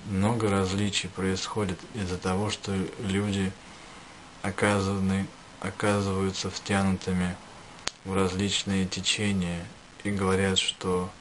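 A man giving a spiritual address to listeners, speaking in measured short phrases with pauses. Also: sits low, monotone, fairly bright tone, a little hiss or hum, low-quality recording. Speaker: spiritual teacher.

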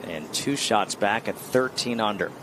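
A man's voice: on the low side, animated, a little slow. A man giving live golf commentary, announcing the play in short, clipped phrases. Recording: outdoor course ambience noise behind voice.

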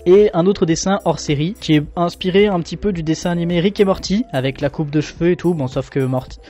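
A young man from France flipping through his sketchbook in a relaxed, self-mocking way, with lots of fillers. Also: on the high side, quick pace, faint music behind. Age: young adult. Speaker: artist showing his sketchbook. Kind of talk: casual commentary.

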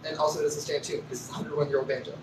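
A man's voice: fairly high pitch, little pitch movement, rapid-fire, background noise. A man chatting casually on a live music stream, joking, swearing freely and breaking into song. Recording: roomy sound from a distance, music playing.

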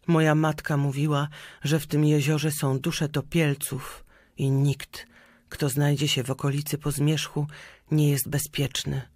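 An uneasy village elder's wife from an old legend, spoken by a man. She warns gravely in a hushed, quiet voice. Slow and dry, in the manner of a storybook. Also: fairly high pitch, level tone, no echo.

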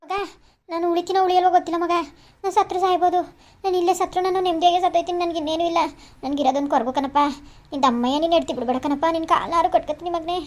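A woman's voice: very high-pitched, steady tone, racing, a little mellow. A woman voicing a dramatic, pleading elderly mother in a cartoon, wailing and begging. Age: older. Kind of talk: cartoon voice acting.

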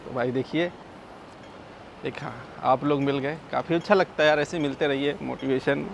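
Walking through a busy outdoor street, a man offers crude, joking commentary for his travel vlog, captured on a handheld camera. His medium-pitched voice is steady, at normal speed, with vocal fry. The recording is low quality and filled with street noise.

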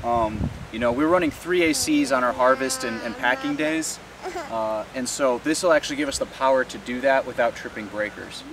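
A crowd can be heard behind this man in his thirties, whose mid-range voice moves at normal speed on a low-quality recording that is clear apart from background noise and hiss. Outdoors on a farm, he explains things plainly and informally, like a farmer hosting a casual vlog.

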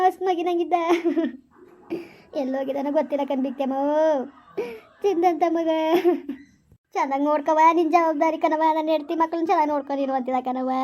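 An older village mother-in-law, as a woman plays her, keeps insisting she will look after everyone. The voice is very high and pressing. This is a homemade village family drama. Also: a little mellow, natural voice. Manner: insistent reassuring.

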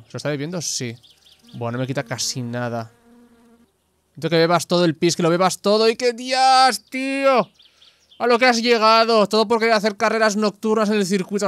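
A man from commentating his own gameplay, excitable and swearing often, shouting at the screen. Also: on the high side.

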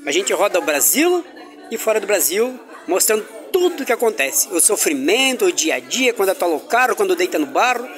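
Very animated and a little fast, this high-pitched, slightly bright male voice belongs to a travel vlogger. He walks through an indoor farmers' market chatting cheerfully to his camera and with vendors and kids in casual vlog style, adding religious exclamations.

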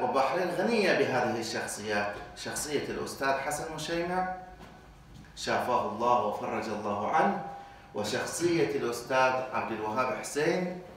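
A man's voice: a little high, fairly bright tone. A man delivering an impassioned political speech at a solidarity rally, his emphasis rising and falling, recorded from a distance in a large echoing venue. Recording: heavy echo, distant mic, faint noise.

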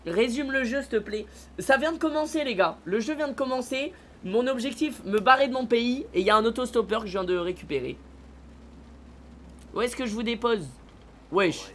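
A man live-streaming a video game, excitable and slangy, talking straight to his chat. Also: very high-pitched, brisk, slight background noise.

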